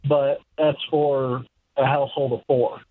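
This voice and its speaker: A man's voice: mid-range voice, little pitch movement, a little slow, crowd noise. Polite man over the phone. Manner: polite, hesitant, says "yes, sir". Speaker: caller. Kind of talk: casual call-in chat. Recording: tinny phone line.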